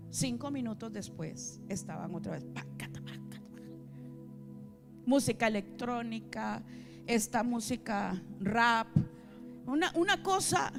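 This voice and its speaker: A woman prophet delivers a sermon in church in a high voice, drawing her words out slowly. Her preaching is emphatic and declamatory, and faint music plays behind her. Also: lively intonation.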